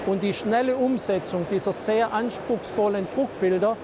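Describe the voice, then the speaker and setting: An expert gives an interview statement outdoors, explaining with confidence. Street and vehicle noise are clearly heard around the voice. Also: mid-range voice, moderate pace. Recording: noisy outdoor recording.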